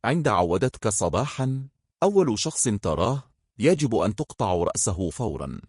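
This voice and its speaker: A man's voice: lowish voice, sing-song, moderate pace, darkish tone, slightly rough, dry recording, studio quality. A man doing a menacing whispering spirit. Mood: ominous. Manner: ominous, commanding.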